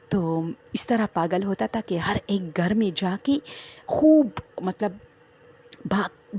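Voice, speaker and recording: Gravelly-voiced woman telling a spooky story. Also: fairly low pitch, mellow. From Swat, Pakistan. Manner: chatty, addresses listeners as friends, digresses. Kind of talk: casual first-person horror storytelling.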